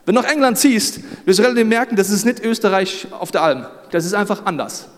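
A man with a South German accent, preaching a humorous sermon with animated storytelling and jokes. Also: high voice, quick pace. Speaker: pastor. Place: large hall with audience. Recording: live hall reverb.

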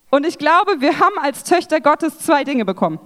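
Young woman, speaker at a church ladies' night; lively, self-mocking sermon delivery, slightly high pitch. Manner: lively, self-mocking, acts out quoted voices. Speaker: speaker at a church women's evening. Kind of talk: sermon talk.

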